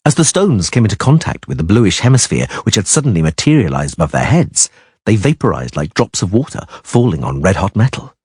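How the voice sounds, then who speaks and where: A man's voice: lowish voice, very animated, fairly quick, darkish tone, husky, no room sound, studio quality. A man reading a fantasy audiobook aloud in dramatic narration, leaning hard on action words. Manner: emphatic, swelling on action words.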